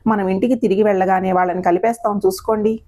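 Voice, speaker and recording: A woman voicing a gentle older mother who speaks softly and tries to persuade in an audio story. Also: medium pitch, steady tone, fast talker, close to an everyday voice. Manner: soft, coaxing.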